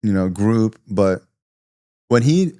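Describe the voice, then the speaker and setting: A man's voice: fairly low pitch, expressive, slow, warm tone, no echo, studio quality. A man from South Florida, a guest on a podcast, talking loosely in casual conversation with lots of fillers and asides. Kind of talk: casual interview talk.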